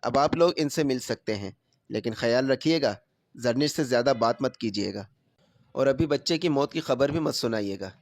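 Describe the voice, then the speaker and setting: A man voicing a calm female hospital doctor who speaks gently in a storybook reading. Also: mid-range voice, dry recording, natural voice. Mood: gentle. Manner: gentle, professional.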